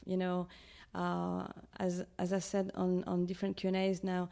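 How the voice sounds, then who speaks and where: A woman's voice: lowish voice, completely flat delivery, moderate pace, vocal fry, mellow. A woman from Peru, a film director, talking in an interview and searching for words as she explains her ideas. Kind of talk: casual interview talk.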